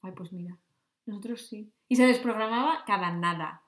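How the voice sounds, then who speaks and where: Woman podcast co-host, playful casual chatter, mid-pitched voice in an echoey room. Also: moderate pace. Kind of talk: casual chat. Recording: roomy echo.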